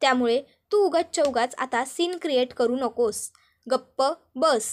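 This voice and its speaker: A woman's voice: sits high, measured pace. A woman doing a commanding angry young woman. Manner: sharp, commanding. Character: angry woman scolding a traitor.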